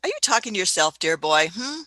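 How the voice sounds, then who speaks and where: A woman's voice: mid-range voice, very animated, a little fast, bright, forceful tone, no echo. A woman voicing a fussy elderly Doctor who chuckles, hums and uses old-fashioned phrases in a radio play. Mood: amused. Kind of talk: amateur radio play acting.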